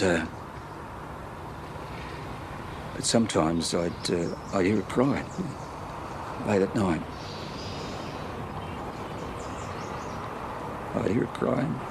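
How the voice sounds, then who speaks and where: Actor as halting, remorseful Australian father, low-voiced. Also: noisy background, close to an everyday voice. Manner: halting, heavy-hearted. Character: remorseful father, haunted by his violent crime. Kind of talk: naturalistic television drama acting.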